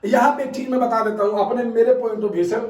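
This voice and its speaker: A man's voice: very high voice, steady tone, brisk, a little mellow, far from the mic. A man who runs a fitness academy giving his opinions in casual talk to viewers, emphatic and repetitive, often checking in with a questioning "haan?". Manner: conversational, keeps asking "haan?" to viewers; emphatic, repeats points. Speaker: fitness academy coach and channel host. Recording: roomy echo, voice set back from mic.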